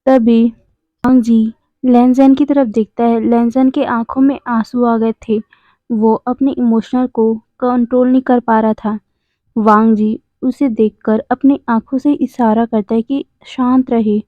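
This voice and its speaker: High-voiced woman narrating a fan story. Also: little pitch movement, a little slow, warm tone, no room sound. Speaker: fanfiction narrator. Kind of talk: storytelling narration with acted dialogue. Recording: tinny phone-like recording.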